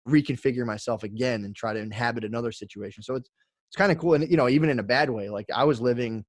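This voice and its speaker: A man's voice: medium pitch, fast talker, no room sound, studio quality. A man in his thirties, a podcast guest talking in a rambling casual way with many fillers. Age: 30s.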